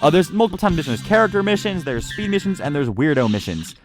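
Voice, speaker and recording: A man with a slightly high, very lively voice talks fast while narrating a let's play. He rambles through casual commentary on the gameplay, often repeating or correcting himself mid-sentence, with game music playing beneath him.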